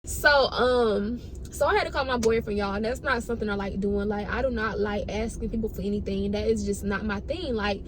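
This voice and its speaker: A woman's voice: medium pitch, brisk, low-quality recording. A woman chatting casually as a storytime vlogger, dramatic and slangy, repeating phrases for emphasis. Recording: noticeable background noise.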